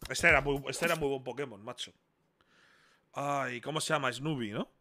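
A young man with an accent from Spain, commentating a quiz game on a live stream. He talks excitably, swears often and bursts into shouts. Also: mid-range voice, moderate pace, over music.

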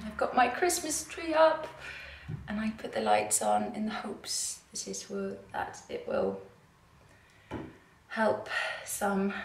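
Sitting in a dim living room, a Norwegian woman in her twenties talks casually to the camera about her work as a knitwear designer, giggling and making fun of herself. She speaks English with a British-tinged accent in a medium-pitched, creaky voice. The room gives the recording a spacious echo.

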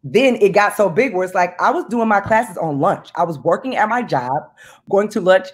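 Husky animated woman on a webcam at home, emphatic, keeps preaching about money. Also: mid-range voice, moderate pace. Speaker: guest, business owner. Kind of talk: video call interview. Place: home room indoors. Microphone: video call webcam.

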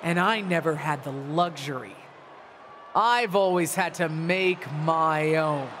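An actress playing a bitter, proud middle-aged wrestling legend in a video game, delivering a taunting, theatrical wrestling promo. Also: female voice, low voice, slow pace. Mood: scornful. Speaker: returning wrestler, former champion and manager. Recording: arena ambience noise behind voice.

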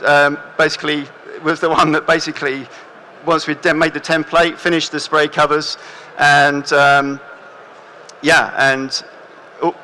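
A young man presents on stage in a large hall, chatting through his slides in a relaxed way with plenty of fillers and restarts. His voice is bright and fairly high for a man, with a faint hiss behind it.

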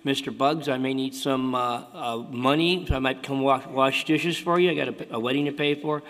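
A man's voice: mid-range voice, fairly even intonation, normal speed, a bit bright. A man speaking as a council member at a meeting, casual and joking. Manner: casual, joking, good-humored. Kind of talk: meeting remarks. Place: city council chamber. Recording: reverberant council chamber.

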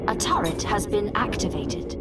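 A woman's voice: medium pitch, moderate pace. A woman voicing a robotic base computer announcer. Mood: calm alert. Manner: flat, clipped status alerts. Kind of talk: video game system announcements. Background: loud game music.

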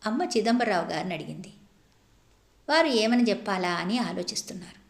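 A woman narrates an audiobook in a measured, expressive storytelling voice. Her pitch sits at an ordinary middle range, and the recording carries a noticeable room echo. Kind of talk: scripted narration. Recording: echoey room.

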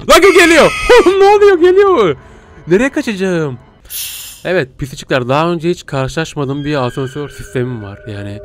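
A man commenting on a horror game as he plays, yelping and laughing when scared and talking to his viewers and the creatures. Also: a little high. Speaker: gaming streamer.

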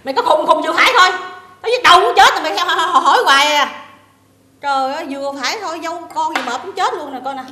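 A woman's voice: high-pitched, rapid-fire, hardly any pauses, a bit bright, echoey room. An actress playing a cranky, exasperated sixty-year-old mother-in-law in a TV comedy sketch. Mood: scolding. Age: 60s. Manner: scolding, exasperated, exclaims often. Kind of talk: TV sitcom acting.

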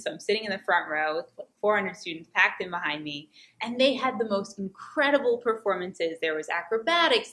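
A woman from the United States tells a personal story from her time as a volunteer teacher. Her voice is bright and forward. She delivers it expressively and acts out the lines she quotes. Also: mid-range voice. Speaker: returned Peace Corps volunteer, former teacher.

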